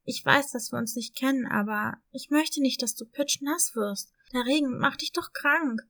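A woman's voice: sits high, normal speed, fairly bright tone. A woman voicing a kind, brave male puppy who talks in a reassuring, protective way.

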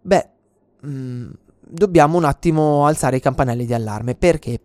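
A man's voice: fairly high pitch, darkish tone, no room sound. Earnest male instructor, explanatory delivery, close dry mic. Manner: earnest, frequent restarts and "ok?" check-ins. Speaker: self-defense instructor. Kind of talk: explanatory spoken lesson.

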